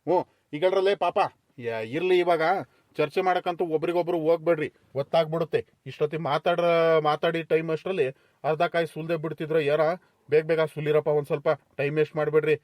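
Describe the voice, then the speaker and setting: A man's voice: a little high, flat delivery, darkish tone, dry recording, close to an everyday voice. A man voicing an elderly village farmer in a comedy cartoon, talking in a rural southern Karnataka Kannada accent and fussing to hurry his workers. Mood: soothing. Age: older. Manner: fast, fussing and peacemaking. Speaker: farm owner.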